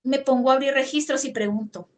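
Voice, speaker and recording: Woman, Mexican accent, high voice, animated storytelling, podcast guest. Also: fairly quick. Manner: animated, frequent tag questions and fillers. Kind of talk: personal storytelling in conversation.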